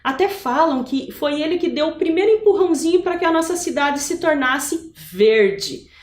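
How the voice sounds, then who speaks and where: A woman's voice: sits high, expressive, moderate pace. A Brazilian woman from Curitiba teaching a video lesson to schoolchildren, explaining step by step and asking rhetorical questions. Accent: Brazilian Portuguese, Curitiba. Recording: echoey room.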